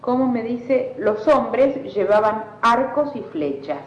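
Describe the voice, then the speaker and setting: A woman's voice: fairly high pitch, lively intonation, slow pace. A woman, patiently asking set prompts in an elicitation interview. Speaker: linguistic fieldworker. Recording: echoey, dull old field recording with faint hiss.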